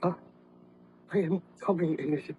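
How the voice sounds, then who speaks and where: An actor playing a weak, guilt-ridden dying baron with formal, theatrical pleading in an old-time radio horror drama. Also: male voice, fairly high pitch, steady tone, moderate pace, phone-quality sound, natural voice. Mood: dying, penitent. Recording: noisy vintage radio recording.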